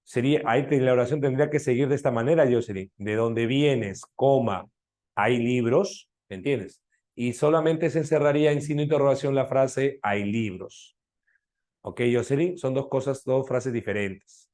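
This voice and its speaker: A man's voice: medium pitch, brisk, darkish tone. Joking Peruvian man teaching a class. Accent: Peruvian Spanish. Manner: teasing, jokey, often asks students to confirm. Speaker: language teacher. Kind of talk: live class lecture.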